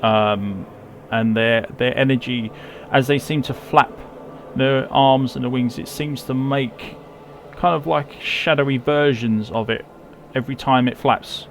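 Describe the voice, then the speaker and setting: A man's voice: medium pitch, fairly even intonation, unhurried, a little hiss or hum. A man running a tabletop game as game master, narrating in a hesitant way as if thinking aloud. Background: music.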